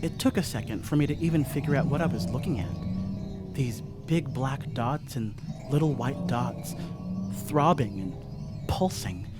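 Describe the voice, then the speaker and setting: For a horror comedy radio play, a male actor voices a rattled, wry slacker rambling through a confession, lightly acted. His mid-range voice is animated yet measured in pace, uneasy and wry in mood, with loud music behind it.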